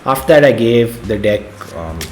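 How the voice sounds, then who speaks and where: A man's voice: medium pitch, lively intonation, normal speed, darkish tone. A man delivers card magician patter in an informal, conversational way. He addresses spectator and viewers directly, like a presenter demonstrating and teaching. Noise is audible behind his voice. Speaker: card magician giving a tutorial. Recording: clear background noise.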